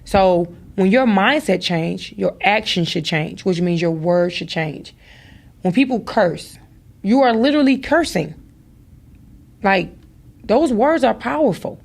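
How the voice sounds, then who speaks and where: A woman's voice: medium pitch, expressive, a little slow, gravelly. A woman and mother hosting a podcast, giving a motivational talk straight to her listeners with emphatic repeated phrases. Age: adult with daughters. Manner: speaks to listeners directly, preacher-like. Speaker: podcast host.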